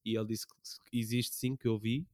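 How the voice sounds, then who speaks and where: Clear, close man chatting. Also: fairly low pitch, flat delivery, brisk, darkish tone, dry recording. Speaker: podcast co-host. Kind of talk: casual film discussion.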